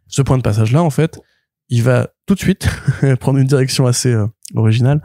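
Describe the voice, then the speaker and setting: A man co-hosting a comics podcast, retelling a plot in an animated, rambling way full of fillers and restarts. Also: medium pitch, moderate pace, dry recording, studio quality. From France. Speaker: podcast co-host, comics reviewer. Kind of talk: casual podcast chat.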